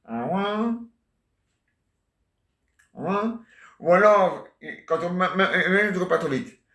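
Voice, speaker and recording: A man's voice: high-pitched, very slow, a bit bright. A man talking in a meandering, joking monologue, full of little asides and fillers. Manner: meandering, jokey, filler-heavy. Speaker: vlogger. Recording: echoey room.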